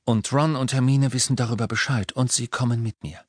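A man's voice: medium pitch, fairly even intonation, brisk, breathy edge, no echo, voice pushed up, lightly acted. A man voicing a determined, blunt teenage boy wizard in an audiobook, speaking firmly and accusingly.

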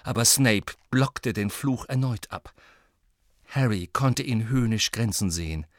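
Brief: male audiobook narrator, unhurried and bright, dry close sound, emphatic. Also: medium pitch, expressive, no echo. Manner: tense, emphatic storytelling. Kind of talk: dramatic scripted narration.

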